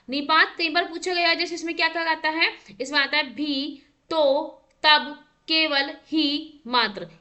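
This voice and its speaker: A woman's voice: high-pitched, bright, forceful tone. A woman teacher running an exam practice lesson, reading out options, asking for answers and correcting herself as she thinks aloud. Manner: quizzing, reads out options then asks for the answer.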